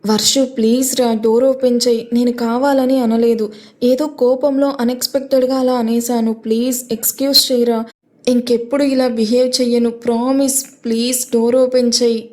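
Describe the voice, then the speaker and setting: Sorry young husband, read by a woman narrator, begging and apologetic, mellow tone. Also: a little high, flat delivery, brisk, lightly acted. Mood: pleading. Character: young man, a remorseful, pleading husband.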